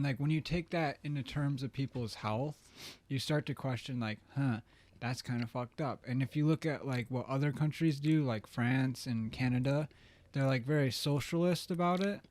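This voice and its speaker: A man's voice: mid-range voice, dry recording. A man co-hosting a casual podcast, rambling with lots of filler words and casual swearing. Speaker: podcast co-host. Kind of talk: casual chat.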